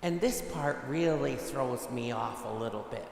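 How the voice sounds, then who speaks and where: A male priest preaching slowly and conversationally, leaning on casual fillers as he tells a story. His voice booms back from a huge church with long reverb, over a faint hum of the room. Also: vocal fry. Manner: conversational storytelling, many "you know" fillers. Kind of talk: homily. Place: large church.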